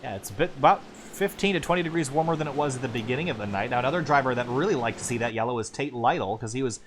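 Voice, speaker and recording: A man calling sim racing play-by-play as lead commentator, quick and building excitement during the action. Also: medium pitch, noisy background.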